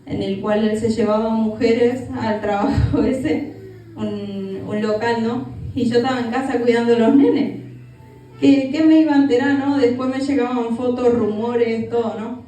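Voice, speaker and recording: A woman's voice: fairly high pitch, fairly even intonation, normal speed, warm tone. A woman giving an earnest personal testimony sermon at a youth service, often ending phrases with a questioning tag. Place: church hall. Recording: echoey church hall, distant mic, faint noise.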